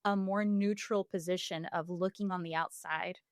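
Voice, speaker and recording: Her voice sits lowish, with fairly even intonation and a moderate pace, captured in a dry, studio-quality recording. She is a forties-aged Puerto Rican singer and voice coach giving a candid, thoughtful podcast interview full of fillers and laughs.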